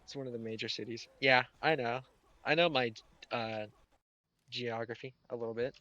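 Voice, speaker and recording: A man's voice: mid-range voice, steady tone, moderate pace, sharp tone, no room sound, muffled recording. Young man, from the US, sarcastic, rambling, gaming live-stream chat. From United States.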